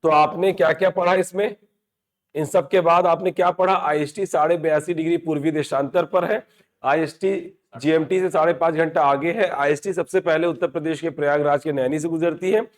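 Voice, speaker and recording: A man's voice: on the high side, steady tone, moderate pace. A male teacher giving a classroom lecture for exam preparation. He asks questions and answers them himself, and repeats the key points.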